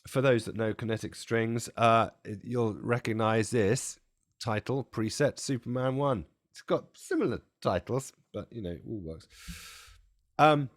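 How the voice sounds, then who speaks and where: A man demonstrating music software from a home studio, his voice strained and close to giving out, chatty and self-deprecating with jokey asides. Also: mid-range voice, unhurried. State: strained, nearly losing his voice. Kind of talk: casual product walkthrough.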